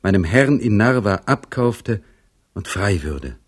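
An earnest young serf who longs for his freedom, as a male reader voices him. He speaks plainly and wistfully in a low, husky voice. It has the pace of a calm audiobook. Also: takes it slowly, exaggerated voice.

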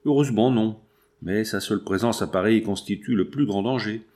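A wealthy middle-aged schemer speaks in a tense, hushed way, urgent and afraid of being found out, as a man reads him aloud. The voice stays close to an ordinary reading voice. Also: lowish voice, brisk, natural voice. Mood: anxious.

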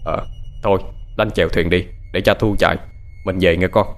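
Gentle, reassuring fisherman father in a ghost-story reading , played by a man, low and soft; faint music under. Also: steady tone, moderate pace. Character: poor middle-aged fisherman father, gentle, soothing.

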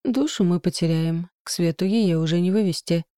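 A woman voicing a gloomy male spirit guardian who mentors a trainee, speaking grimly and slowly. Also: lowish voice, mellow, smooth, no room sound, clean studio sound, natural voice. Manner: grim, slow.

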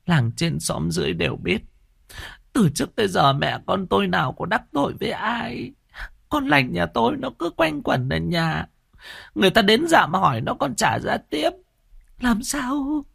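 A man voicing an old village mother who pleads in a high, strained, wailing voice. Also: big pitch swings, normal speed, vocal fry, fairly bright tone, breathy edge, no room sound, clean studio sound, exaggerated voice. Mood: distressed.

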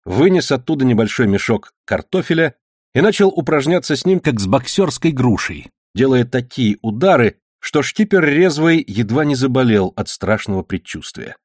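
Brief: male audiobook narrator, lively intonation, dry close recording. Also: medium pitch, normal speed, dry recording. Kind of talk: scripted narration.

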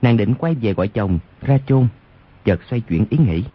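A man with a low, slightly husky voice narrates a long martial arts tale. His reading rises and falls with lively expression. The sound is muffled and lo-fi, as from a radio broadcast. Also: normal speed. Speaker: audiobook narrator. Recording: lo-fi radio recording.

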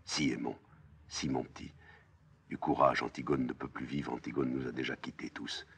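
A man reading a play aloud, voicing a weary, stern king who speaks gravely and with resignation. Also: very deep voice, little pitch movement, moderate pace, a bit bright, voice pushed down, heavily acted.

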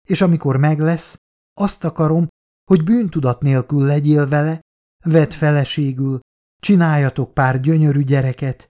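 A man voicing a frail, stubborn young woman near death, speaking softly, hoarse and teasing. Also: mid-range voice, lightly acted.

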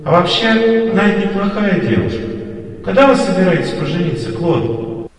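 A man voicing the gentle, forgiving ghost of a murdered wife in a soft, calm voice. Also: high voice, moderate pace, very echoey, long reverb tail, recorded from a distance, pitched above the performer's own voice, poor audio.

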